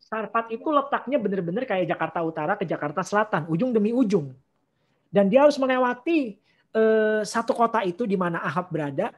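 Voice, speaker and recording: Woman preacher, casual online sermon, lively swooping pitch, playful acted-out voices, slangy. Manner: lively, acts out Bible figures in playful voices; casual slang mixed with English phrases.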